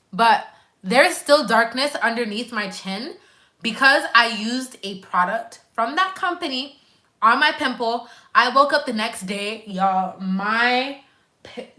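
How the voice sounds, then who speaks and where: Sitting on her couch at home, a twenty-something nurse runs a laid-back live stream, talking straight to her audience and reading out comments with lively energy. Her voice is slightly high and sharp.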